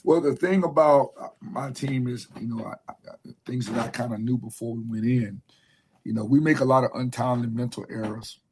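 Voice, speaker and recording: A man coaching college basketball, speaking in a measured way in an interview, slightly hoarse from losing his voice. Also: medium pitch, a little mellow. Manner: measured, repeats words while thinking. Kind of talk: radio interview.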